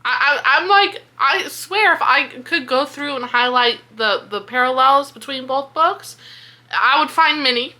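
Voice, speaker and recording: In a voice that sits high, a bit slow in pace, a young woman thinks aloud about a book she's reading along with. The chat is casual but animated and exasperated, with plenty of swearing.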